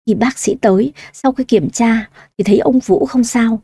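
A woman narrating a story audiobook-style with a steady, even reading. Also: a little high, no echo, clean studio sound.

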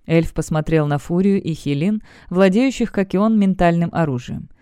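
A woman narrating a fantasy novel as an audiobook in an even storytelling delivery. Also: lowish voice, moderate pace, clear, resonant tone, dry recording, studio quality. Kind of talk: scripted narration.

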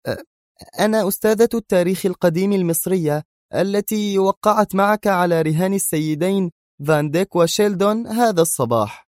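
A man's voice: high-pitched, fairly quick, no room sound, studio quality, voice pushed up, lightly acted. A man voicing an Egyptian woman history professor who speaks in a tense, urgent way. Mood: nervous.

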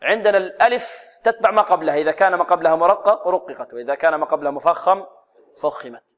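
A fairly high-voiced man leads a Quran recitation lesson, sounding out letters slowly and asking the class questions before answering them himself. The sound is dull and lo-fi, like an old radio broadcast. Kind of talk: tajweed lesson.

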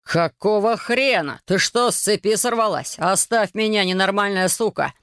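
A reader voicing a furious, frightened middle-aged man who shouts and spits insults, read as an audiobook character. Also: sits high, fairly quick, creaky, no room sound, clean studio sound.

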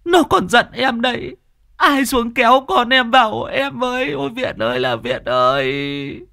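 A man voicing a grief-stricken old village mother who wails and keens in a shrill lament. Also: sing-song, unhurried, gravelly, bright, forceful tone, dry recording, studio quality, full character voice. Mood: wailing grief.

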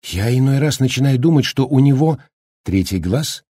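A man voicing a calm, husky doctor. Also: medium pitch, normal speed, no echo, studio quality, pitched above the performer's own voice, close to an everyday voice. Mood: calm explaining. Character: calm male doctor, measured and reassuring. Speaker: doctor in the story. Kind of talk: audiobook character reading.

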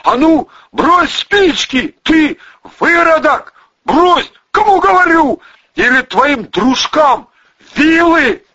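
A man voicing a hot-headed young male gangster who yells curses and threats at a hostage-taker. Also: extremely high pitch, big pitch swings, slow, voice pushed up, heavily acted. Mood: yelling threats. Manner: yelling, cursing threats. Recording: dull lo-fi audiobook recording.

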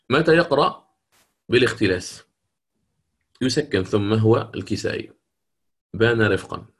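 Man teaching recitation in slow, drawn-out demonstrations. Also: mid-range voice, fairly bright tone, slightly rough. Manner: explains rules then models words in slow drawn-out recitation; asks the class questions and answers them himself. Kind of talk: recorded lecture on Quranic readings.

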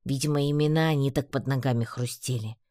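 A woman narrating a first-person audiobook in a lively, ironic way. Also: a bass voice, fairly quick, no echo, clean studio sound.

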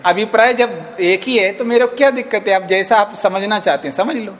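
A man's voice: high voice, brisk, fairly bright tone. A man with an Indian accent teaching philosophy, arguing points firmly and patiently in a classroom debate. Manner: firm, patient, repeats points.

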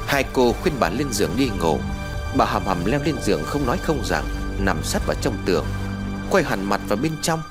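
A man narrating a ghost story from a script in an expressive, dramatic way. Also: on the low side, moderate pace. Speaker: audiobook narrator. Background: background music.

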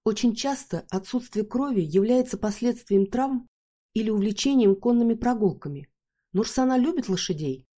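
A woman narrating a first-person story in a wry, measured way. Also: on the high side, lively intonation, warm tone.

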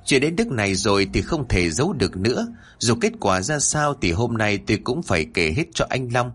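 Husky-voiced man narrating a horror story. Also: a little fast. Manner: expressive, shifts pitch for emotional moments.

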